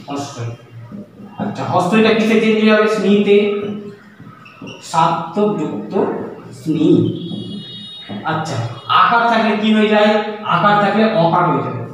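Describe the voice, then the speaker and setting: A man teaching a grammar lesson. He goes patiently step by step, repeating each step and asking and answering his own questions. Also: high voice. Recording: echoey room, far from the mic, faint hum.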